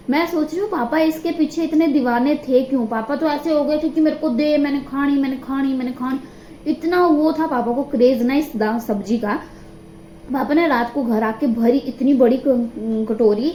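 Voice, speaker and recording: A young woman chats into her phone at home, gushing and piling up repeats for emphasis. Her voice sits fairly high for a woman. The sound is roomy and echoey, with a faint hum of background noise. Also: mellow. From Himachal Pradesh, India. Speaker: vlogger. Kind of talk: casual vlog chat.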